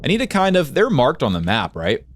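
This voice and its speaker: A man with a cold, hoarse and nasal, giving chatty, excitable let's play commentary. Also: fairly high pitch, brisk, dry recording. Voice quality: chatty, excitable, laughs often. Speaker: gaming YouTuber.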